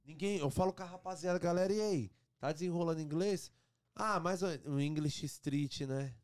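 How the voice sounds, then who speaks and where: Um homem brasileiro conversando à vontade, cheio de gírias, divagando nas histórias. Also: male voice, high-pitched, fairly quick, darkish tone, no echo, clean studio sound. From Brazil. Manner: slangy, rambling, says mano a lot. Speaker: band member guest. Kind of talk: casual podcast chat.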